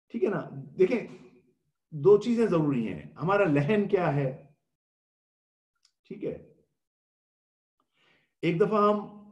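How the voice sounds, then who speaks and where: Male religious lecturer with a fairly high voice; patient, explanatory, poses questions and answers them. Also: echoey room. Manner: mixes English words into speech. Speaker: religious scholar giving a Ramadan talk.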